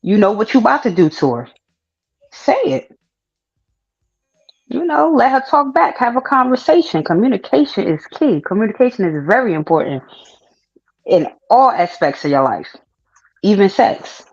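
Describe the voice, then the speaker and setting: A woman's voice: mid-range voice, very animated, normal speed, darkish tone, slightly rough. Frank woman giving advice, dull lo-fi audio. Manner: frank, advising, conversational. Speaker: host. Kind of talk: casual advice chat.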